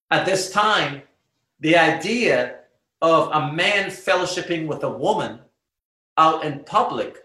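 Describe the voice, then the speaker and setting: A man from Guyana preaching a sermon, teaching in an emphatic, deliberate way. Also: mid-range voice, fairly bright tone, reverberant.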